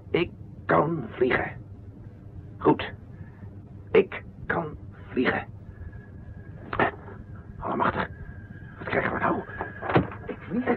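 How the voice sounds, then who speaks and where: A dreamy husband who swears he can fly, acted by a man in a slow, gravelly voice that swings wildly up and down. He mutters to himself and boasts with childish glee. The sound is thin and phone-like, as from an old lo-fi radio play. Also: a little high, slight background noise, full character voice. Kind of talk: Dutch radio play acting.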